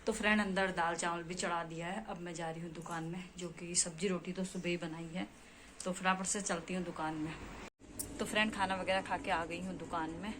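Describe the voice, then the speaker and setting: A woman's voice: on the low side, steady tone, brisk. A middle-aged woman from India chatting with her viewers as she narrates her day in a casual vlog, talking into a phone camera. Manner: chatty, addresses viewers as friend. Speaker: vlogger. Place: outdoors, village shop and market. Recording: noisy outdoor phone recording.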